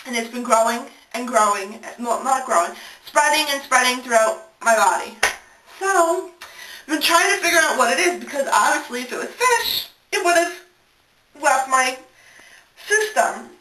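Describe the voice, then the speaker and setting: A woman's voice: high-pitched, lively intonation, normal speed. A young adult woman venting casually and dramatically to her phone in a bathroom, exasperated and sweary. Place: small indoor bathroom. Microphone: phone at arm's length. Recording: echoey, distant, noisy bathroom phone recording.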